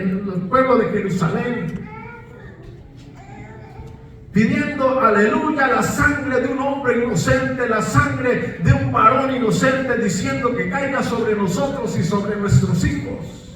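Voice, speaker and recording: A male pastor preaching a fervent sermon, breaking into shouts and calls of praise, recorded in a church from a distance. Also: extremely high pitch. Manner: fervent, bursts into shouts, interjects "aleluya". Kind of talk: Pentecostal-style sermon. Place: church sanctuary. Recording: echoey hall, distant mic, faint noise.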